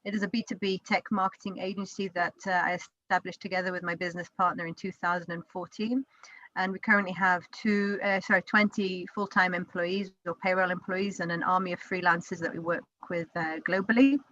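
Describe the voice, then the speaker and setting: Over a video call, a company co-founder in her forties from Israel, speaking with a British accent, gives a chatty informal talk to an online networking group, full of fillers and restarts. Her voice is lowish, fairly bright and brisk, with fairly even intonation. The recording is muffled but has no echo.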